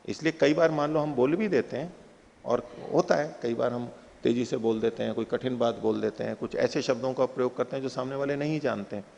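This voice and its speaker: A man teaching Nyaya philosophy in a spoken lecture. He recites Sanskrit aphorisms slowly and then explains them with everyday examples. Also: mid-range voice, steady tone, gravelly, a little mellow, big-room sound, muffled recording, a little hiss or hum.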